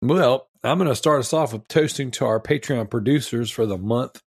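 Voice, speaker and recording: Background noise sits under this casual podcast chat, where a man with strep throat breathes through his mouth and sounds wheezy, congested and snotty. Talking at normal speed in a medium pitch with vocal fry, he rambles with enthusiasm in loose slang.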